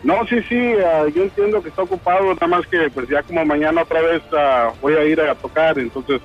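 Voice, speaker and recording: A man's voice: fairly high pitch, big pitch swings, brisk, faint music behind. A man, a DJ getting defensive and indignant on a phone call aired on the radio. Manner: defensive, insistent, increasingly indignant. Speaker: DJ, prank call target.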